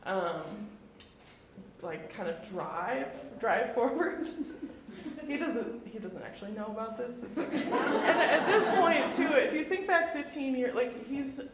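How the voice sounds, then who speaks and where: A higher-pitched woman with a flat Midwestern accent, talking casually to an audience. She is chatty and self-deprecating and fills her talk with ums and likes. The room is echoey, with a faint hum of noise behind her. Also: a little slow, crowd noise. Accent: Midwestern American. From Indiana. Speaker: visiting artist giving a talk. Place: indoor event room.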